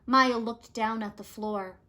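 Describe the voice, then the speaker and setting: A woman reads a children's story aloud in a very bright, clear-cut tone, her pitch fairly high. Unhurried, with fairly even intonation, she shapes her phrases expressively like a storyteller with a picture book.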